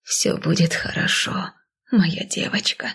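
A woman voicing an old nanny who grumbles but is tender with her charge, speaking low and hushed. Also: fairly even intonation, slow, vocal fry, breathy edge, heavily acted. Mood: tearful.

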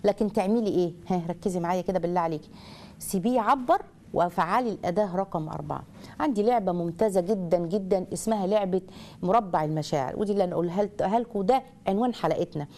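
A woman with an Egyptian accent hosting a parenting show, giving lively advice and acting out what children and parents say. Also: lowish voice, rapid-fire. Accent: Egyptian Arabic. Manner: animated, acts out children's and parents' lines. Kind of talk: lively advice talk to viewers.

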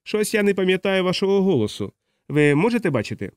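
A man's voice: sits high, sing-song, fast talker, clean tone, no echo, clean studio sound, voice pushed up. A man voicing a drunk blind publican. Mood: drunken grumbling. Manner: slurred, boisterous, self-pitying. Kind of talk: audiobook character voice.

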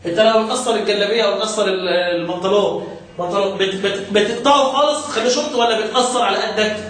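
High-voiced Egyptian man teaching in an echoey room. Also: a bit bright. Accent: Egyptian Arabic. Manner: asks students questions and repeats key terms slowly. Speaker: Quran recitation teacher. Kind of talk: explanatory lesson to students. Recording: echoey room, distant mic, faint noise.

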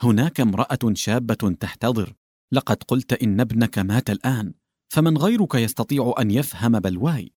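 A man reading as a desperate husband begging for help, his voice urgent and imploring, trembling with emotion. The sound is dry and close, with a mid-range pitch. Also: fairly quick, mellow, dry recording, close to an everyday voice. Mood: pleading.

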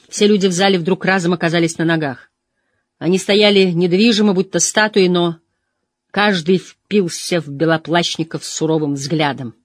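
A narrator reading a fantasy novel in a measured storytelling manner, dropping low and quiet at the ends of phrases. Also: no room sound. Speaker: audiobook narrator.

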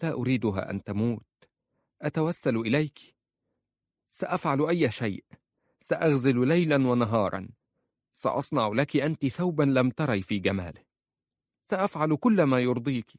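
A man's voice: on the low side, normal speed, pauses often, a little mellow, no room sound, clean studio sound, lightly acted. A man voicing a desperate young mother held captive, begging with breathless urgency. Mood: pleading.

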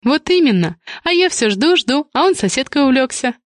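A woman's voice: sits high, big pitch swings, moderate pace, no echo, pitched above the performer's own voice. A woman voicing a capricious young sister who hosts a family party, in an audiobook reading. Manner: capricious, pouting. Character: coy young female sister hosting a party.

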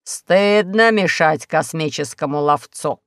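Женщина изображает грубого космического ловца. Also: female voice, low-pitched, no echo, clean studio sound. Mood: threatening. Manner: shouting, menacing, drawn-out threats. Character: loud gruff male space trapper, threatening.

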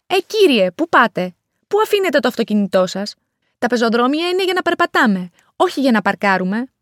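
An indignant pedestrian scolds a careless driver, read by a woman for a language textbook recording. The voice sits fairly high and the sound is dry and close, with no room around it. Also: big pitch swings, no echo. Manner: reproachful, insistent.

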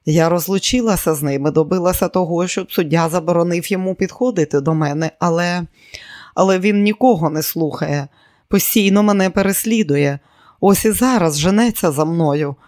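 A woman's voice: fairly low pitch, darkish tone, dry recording, studio quality, natural voice. A man reading an audiobook and voicing a bold, reckless young woman who talks in an insistent, theatrical way.

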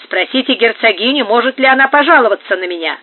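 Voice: mid-range voice, animated, fast talker, close to an everyday voice. The reader voicing a huge male visitor who speaks insistently and secretively, in an audiobook. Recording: narrow phone-like sound.

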